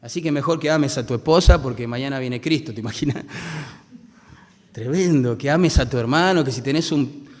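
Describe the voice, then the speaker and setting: A man with a darkish, mid-range voice preaches at a moderate pace in a large church hall. He's a pastor with a Rioplatense Argentine accent, delivering his sermon conversationally and addressing rhetorical questions to the congregation.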